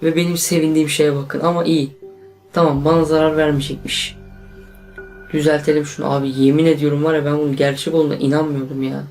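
Young male vlogger, jittery, excitable, chatty to viewers; faint music underneath. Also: a little high, fast. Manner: tense, excitable, addresses viewers as friends. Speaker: YouTuber. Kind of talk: casual vlog to camera.

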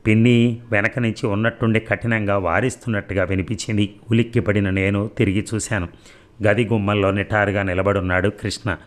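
A man giving a steady, measured scripted narration of a novel as an audiobook reader. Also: on the low side.

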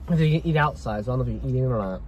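A young man, a son co-hosting a food review and talking in a relaxed, agreeable way while eating in a parked car, picked up by a dashboard camera. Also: mid-range voice, very fast, muffled recording, a little hiss or hum. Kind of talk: casual chat in a car.

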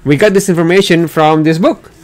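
A middle-aged parent hosting a read-aloud chat with children speaks fairly quickly in a highish voice, encouraging them, repeating things and prompting with questions. He is indoors in a small bedroom, recorded on a desktop condenser microphone.

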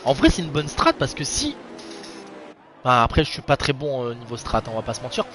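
A young man giving casual, excitable live commentary on an online racing league, chatting to his viewers in a slangy, informal way. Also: mid-range voice, brisk, music in the background. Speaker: race commentator and streamer.

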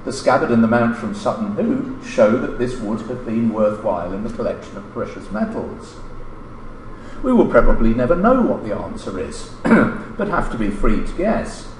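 A middle-aged academic lecturer stands at a lectern in an indoor lecture room, reading a formal paper aloud in measured, deliberate phrases. His voice is mid-range with a darkish tone. The recording carries roomy lecture-hall echo and background noise.

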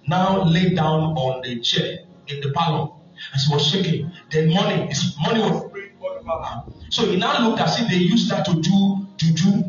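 High-voiced Nigerian pastor preaching in an echoey hall. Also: male voice, recorded from a distance. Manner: humorous storytelling preacher. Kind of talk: sermon. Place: church hall. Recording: echoey muffled church hall, faint music.

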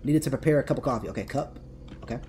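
A young man streaming live game commentary from home, excitable and chatty with lots of slang. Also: medium pitch, rapid-fire, slight background noise.

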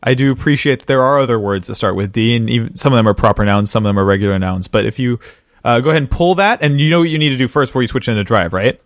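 A man's voice: medium pitch, rapid-fire, no echo, studio quality, natural voice. A man playing an awkward, politely patient driving instructor who stammers through his instructions in an improvised comedy role-play. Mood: patient, baffled.

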